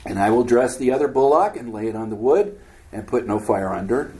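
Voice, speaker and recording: A man's voice: medium pitch, fairly quick, a little mellow, poor audio. A man teaching a Bible study, reading scripture aloud and breaking in with casual, joking commentary. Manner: reads scripture aloud then adds joking asides, acts out voices.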